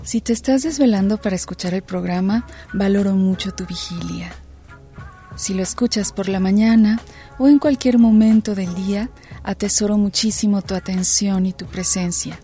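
Female late-night radio host, slightly low register, faint music underneath. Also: moderate pace, warm tone.

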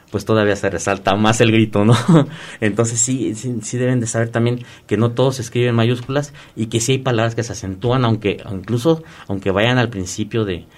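Guesting in a radio booth, an online course teacher gives explanatory interview answers in a mid-range, slightly mellow voice. He frequently restarts words and plugs gaps with "este".

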